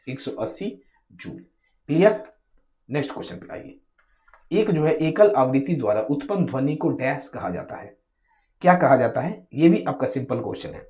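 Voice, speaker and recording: A man leads an exam-preparation lesson in a coaching tone, talking straight to his viewers. He poses a question, then answers it himself, going over the same point several times. His voice sits at an ordinary middle pitch. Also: mellow. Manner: repetitive, keeps asking rhetorical questions then answering; addresses viewers directly in a coaching tone.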